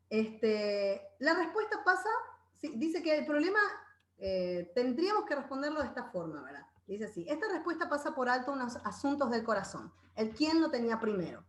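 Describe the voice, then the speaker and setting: A woman leads a parenting Bible class in an easy, conversational way. She keeps checking in with her listeners and acts out children's voices now and then. The recording has a roomy echo. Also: fairly high pitch. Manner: conversational, tags phrases with "¿verdad?". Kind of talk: informal Bible parenting talk.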